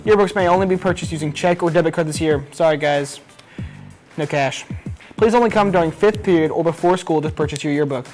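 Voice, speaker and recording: A man's voice: fairly high pitch, fairly quick, a little mellow, soft background music. A teenage young man co-hosting student news, reading school announcements with casual, folksy asides. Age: teens. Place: small school video studio, seated at desk.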